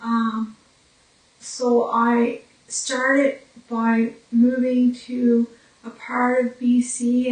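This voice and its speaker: Woman in her forties, documentary interviewee, slightly high, flat delivery, recorded in a very echoey room. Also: recorded from a distance. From Newfoundland, Canada. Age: 40s. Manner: slow, halting, with pauses and fillers. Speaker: brain injury survivor telling her story.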